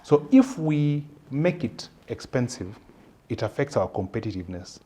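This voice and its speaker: A Kenyan-accented man, appearing as an interview guest, explains policy in a measured, halting way while he searches for words. His mellow voice is medium in pitch with a sing-song lilt.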